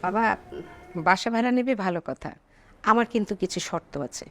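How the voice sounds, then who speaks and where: A woman's voice: medium pitch, a little fast, a bit bright, natural voice. An actress playing a strict, fussy middle-aged landlady who bosses people around. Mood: bossy. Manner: bossy, fussy.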